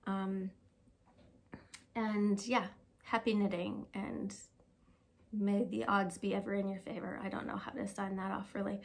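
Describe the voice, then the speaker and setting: A woman's voice: medium pitch, gravelly, fairly bright tone. A woman vlogging about knitting from her home knitting room, chatting casually, self-deprecating and swearing now and then. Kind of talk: casual chat to camera.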